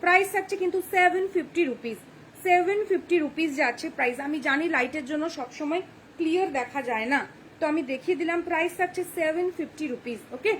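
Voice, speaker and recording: Fast-talking high-voiced young woman. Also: slight background noise. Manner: fast, chatty, keeps checking "ঠিক আছে?". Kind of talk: live-stream sales pitch. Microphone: phone camera.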